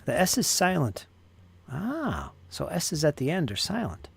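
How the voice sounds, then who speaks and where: Gravelly, lively-voiced man chatting. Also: fairly high pitch, normal speed. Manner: muses aloud over pronunciation, chatty and joking. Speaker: channel host painting miniatures. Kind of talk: casual chat while painting.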